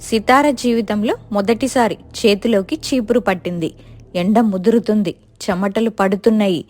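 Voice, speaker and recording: A woman telling a family story in steady, expressive scripted narration. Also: medium pitch.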